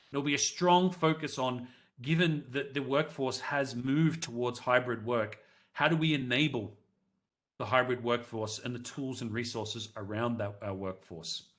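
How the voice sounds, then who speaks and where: A man's voice: medium pitch, a bit bright. Male webinar presenter on a headset mic, mid-range voice, chatty and direct with his audience. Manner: conversational, addresses the audience directly and runs live polls.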